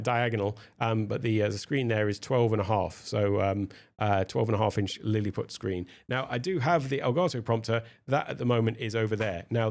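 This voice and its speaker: A man hosting a live stream, answering viewer questions in a relaxed, casual, explanatory way, pausing often with filler sounds as he thinks. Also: fairly low pitch, creaky.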